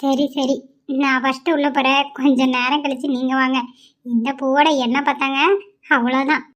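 A woman voicing a young, polite and sensible village wife in a cartoon, speaking in a gentle, pleading way. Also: sits high, flat delivery, moderate pace. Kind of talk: cartoon voice acting.

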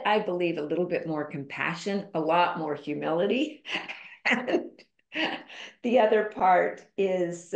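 A woman guest on a podcast, telling a personal story in an emphatic, candid way. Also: lowish voice. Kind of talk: conversational storytelling interview. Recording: roomy echo.

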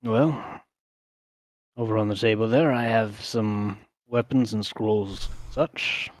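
A man running a tabletop role-playing game, narrating scenes and speaking for a shopkeeper in a relaxed way. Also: lowish voice, slow, no room sound, poor audio. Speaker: game master.

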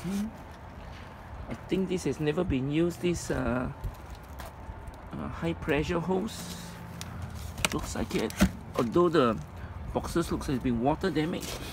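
Standing behind his handheld phone camera, a presenter shows off a storage unit one item at a time in an informal, halting, bit-by-bit manner. The open unit sits in a storage facility, and a noisy, traffic-like rumble runs under the audio.

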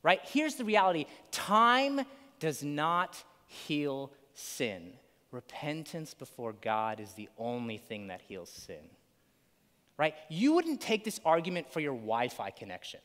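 A man's voice: medium pitch, moderate pace. A man preaching a sermon in a casual, conversational way, peppered with "like" and "right?", acting out quotes. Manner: animated, acts out quotes. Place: church sanctuary. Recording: long church hall reverb.

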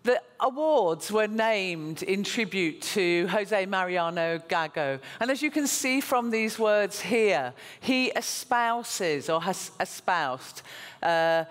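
A woman chairing an awards jury, giving a measured, enthusiastic ceremony speech. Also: mid-range voice, animated. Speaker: jury chairperson, museum director. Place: large conference hall. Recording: hall reverb on stage mic.

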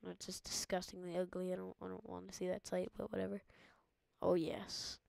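A woman's voice: fairly low pitch, completely flat delivery, brisk, creaky, darkish tone, dry recording. A woman giving playful, jokey let's-play commentary, mock-dramatic and often dropping into a whisper. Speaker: gamer.

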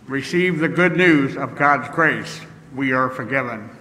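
A man's voice: medium pitch, pushed and bright, slight background noise. Man reading liturgy in a reverberant church. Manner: measured, solemn liturgical reading. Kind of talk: leading worship and reading scripture. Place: large church sanctuary. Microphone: lectern microphone. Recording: distant mic, long church reverb.

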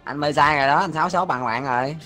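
A man streaming a game, loudly teasing and shouting at his teammates. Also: a little high, fast talker. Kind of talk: excited gameplay commentary. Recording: game music behind.

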